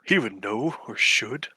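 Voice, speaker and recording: A man's voice: medium pitch, sharp tone, husky, no echo. A man chatting casually as a player in a tabletop role-playing game.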